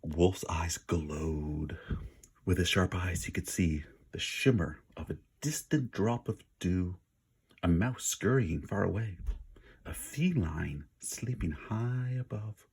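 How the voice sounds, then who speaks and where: Low, slow, a bit mellow and husky, this man's voice carries an informal children's story reading. His word stress is dramatic and emphatic, and the expressive narration is sprinkled with casual asides.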